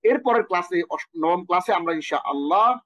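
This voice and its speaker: A young Bangladeshi man with a Bengali accent, teaching an online Arabic lesson and reciting verb conjugations in quick rhythmic runs. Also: high-pitched, expressive, a bit bright, no echo. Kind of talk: online language lesson, drilling verb forms.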